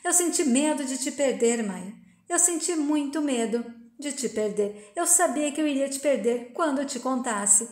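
Um rapaz apaixonado e desesperado implora perdão, lido por uma mulher de voz aguda em tom lento e sincero. O som tem eco de sala. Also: female voice, high voice, expressive, darkish tone. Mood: pleading. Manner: plain reading of quoted dialogue, slow and earnest. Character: young man, heartbroken and pleading. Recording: roomy echo.

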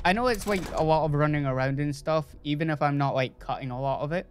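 A man's voice: on the high side, fast talker, smooth, soft background music. A man casually commentating his game playthrough, rambling and joking with his viewers. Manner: rambling, chatty, jokey, talks to his viewers. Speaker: gaming YouTuber. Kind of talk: casual let's-play commentary.

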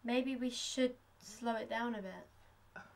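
Brief: young woman as a sassy seventeen-year-old girl, matter-of-fact, high voice. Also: slow pace.

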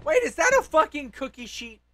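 A man in a co-op video game session, yelling warnings, laughing and swearing loudly. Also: very high-pitched, sing-song, fairly quick. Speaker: gamer. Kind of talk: casual co-op game chat.

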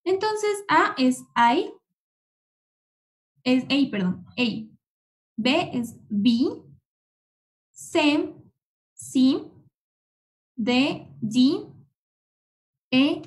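A woman teaching an English alphabet lesson, patiently drilling letters one at a time and using affectionate little words. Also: high-pitched. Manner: uses affectionate diminutives. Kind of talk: slow, repeated children's-style alphabet lesson.

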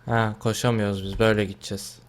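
Excitable Turkish man commenting gameplay. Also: fairly low pitch, fast. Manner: excitable, yells and shouts at teammates in bursts; joking, boastful banter. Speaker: gaming YouTuber.

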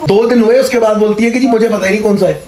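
Teasing lahori guy, phone vlog, loud crowd noise behind. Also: sits high, steady tone, rapid-fire. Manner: joking, chatty, teasing. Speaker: vlogger. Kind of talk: casual vlog chat. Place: on the street and at a family home.

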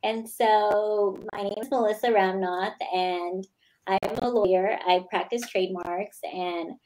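A woman in her thirties with an American accent, speaking as a guest over a video call in a plain, steady way. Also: mid-range voice, a little slow, poor audio. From United States. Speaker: guest, lawyer. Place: small indoor room. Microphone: video call webcam.

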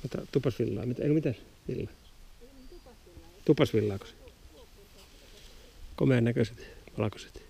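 A man's voice: medium pitch, gravelly, pauses often, mellow, husky. A man with a Finnish accent giving short, laconic remarks while hiking through forest and bog in the rain, filming on camera. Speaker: hiker filming a nature walk. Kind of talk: casual walking commentary. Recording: faint outdoor background noise.

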